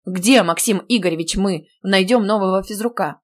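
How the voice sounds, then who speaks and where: A woman reading an audiobook, voicing an indignant, fussy middle-aged male deputy dean who scolds loudly. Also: mid-range voice, normal speed, natural voice. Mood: bossy. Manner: loud scolding, theatrical outrage.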